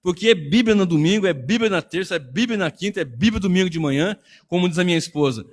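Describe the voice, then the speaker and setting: A man preaching in Brazilian-accented Portuguese, his pitch sitting a little high and leaping up and down with animated emphasis. He talks to the congregation directly and conversationally. A long church reverb trails behind every phrase. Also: fast. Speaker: pastor. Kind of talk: sermon. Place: church hall.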